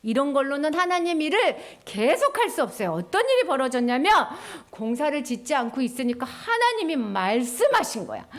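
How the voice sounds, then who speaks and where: Animated woman telling a children's sermon. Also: high voice, fairly quick, few pauses. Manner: animated, acts out characters' lines with sighs and cheers. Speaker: children's church teacher. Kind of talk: lively children's sermon storytelling. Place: church.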